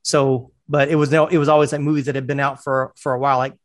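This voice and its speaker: A man's voice: mid-range voice, level tone, fast talker, dry recording, clean studio sound. A man in his forties from North Carolina, chatty in casual podcast talk, who laughs easily. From North Carolina, USA. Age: 40s.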